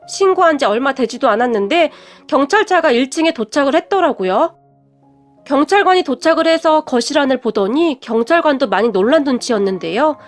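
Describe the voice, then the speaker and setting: A middle-aged woman narrating a first-person family story in a confiding, scripted storytelling style. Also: high voice.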